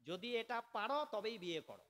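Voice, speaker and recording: A man preaching a sermon in a scolding, argumentative way, dropping to soft asides and then bursting out loudly. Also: sits high, lively intonation, moderate pace, big-room sound. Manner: scolding, argumentative, switching between soft asides and sudden loud outbursts.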